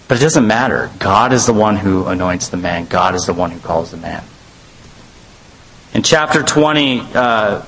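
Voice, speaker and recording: A man's voice: medium pitch, a bit bright, low-quality recording. A man teaching a church Bible study in a conversational, rambling way, full of fillers and asides.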